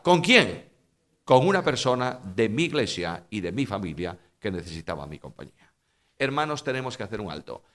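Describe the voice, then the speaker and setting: Animated Spanish preacher with lively voice. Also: male voice, on the high side. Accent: Spanish (Spain). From Spain. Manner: animated, swings from quiet storytelling to loud emphatic preaching. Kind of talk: sermon.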